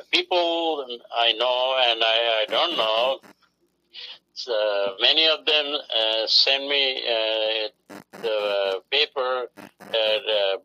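A man being interviewed, telling his story in a halting way with many fillers and pauses. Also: mid-range voice, pushed and bright, no echo, dull audio. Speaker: interview guest. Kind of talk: casual phone interview.

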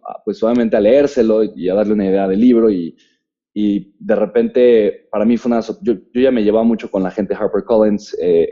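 A Mexican man tells his story as an interview guest, animated and dotted with fillers. His voice is very dark and mellow. The recording sounds dull and muffled. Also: on the low side. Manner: animated, fills with "eh" and "pues". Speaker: guest, author and entrepreneur.

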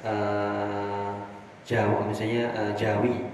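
Guy teaching grammar to a class, asks questions then answers himself, booming reverb, long hall echo. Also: little pitch movement, slow pace, darkish tone, a little hiss or hum. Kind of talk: classroom lesson reading a classical text. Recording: echoey hall from far off.

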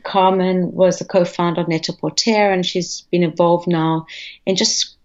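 A woman with a South African accent that carries an Afrikaans tinge. Her voice sits a little low. She speaks conversationally, as a guest being interviewed. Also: fairly even intonation, moderate pace, muffled recording. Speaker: podcast guest, non-profit founder.

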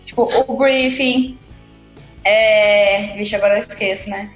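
A woman's voice: medium pitch, steady tone, slow, a bit bright, highs cut off, soft background music. Chatty woman podcaster, echoey room. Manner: chatty, exasperated, laughing often. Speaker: podcast co-host. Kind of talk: casual podcast chat.

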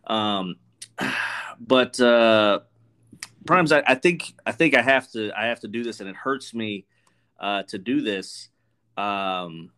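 A man's voice: lowish voice, fairly bright tone. A man hosting a podcast in casual chat, talking informally with plenty of swearing and banter. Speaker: podcast host.

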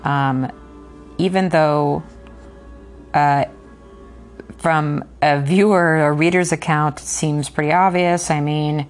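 Woman with a very low voice; reads aloud, then muses hesitantly with lots of ums; faint music under. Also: fairly even intonation, takes it slowly, long pauses. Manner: hesitant in commentary, many fillers. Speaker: reader and book commentator. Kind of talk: reading a novel aloud, then casual commentary.

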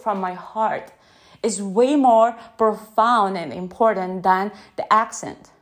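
A woman with a Filipino accent hosting an unscripted podcast into her phone, gently guiding breathing and then talking in a halting way with many restarts. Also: mid-range voice. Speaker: podcast host.

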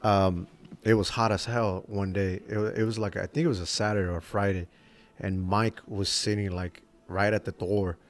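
A man with a lowish voice hosts a casual podcast chat. He is a barber who tells shop stories, swears freely and acts out the quotes with lively energy. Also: moderate pace. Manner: swears freely, animated storytelling with acted quotes. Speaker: podcast host.

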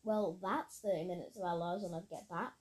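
A woman reading a story aloud, voicing an excitable, bold young girl who exclaims her lines. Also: on the low side, brisk, close to an everyday voice. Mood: excited.

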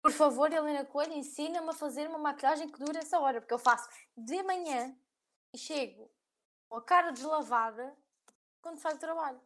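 High-voiced chatty Portuguese woman. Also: fairly quick, a bit bright. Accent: European Portuguese. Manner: chatty, laughs often, filler-heavy. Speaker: podcast co-host. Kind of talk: casual chat.

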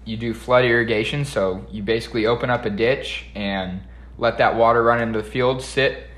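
A man's voice: medium pitch, fairly even intonation, moderate pace, a bit bright, roomy sound. A young man chatting casually as a podcast co-host, explaining his work in folksy rural phrasing. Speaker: podcast co-host and farm worker.

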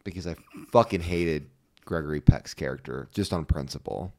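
Very deep-voiced, blunt-talking man. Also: moderate pace, vocal fry, dark tone. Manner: blunt, swears freely, teasing. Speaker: podcast co-host. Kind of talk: casual chat.

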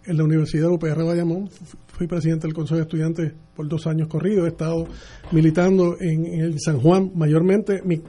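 Puerto rican guy on the radio, high voice but mellow, keeps stumbling and restarting. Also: level tone, slightly rough. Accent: Puerto Rican Spanish. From Puerto Rico. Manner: earnest, halting with many restarts. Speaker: mayoral candidate guest. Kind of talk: radio interview.

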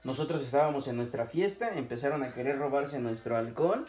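A man's voice: medium pitch, fairly quick, a little mellow. Joking young Mexican man, echoey room. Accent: Mexican Spanish. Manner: joking, laughing, profane storytelling. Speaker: podcast co-host. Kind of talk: casual chat. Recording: echoey room with faint music.

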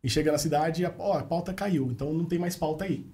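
A man's voice: a little high, quick pace. A man, a journalist chatting casually as a podcast guest and telling stories, acting out the dialogue he quotes. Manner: animated storyteller, acts out quoted dialogue.

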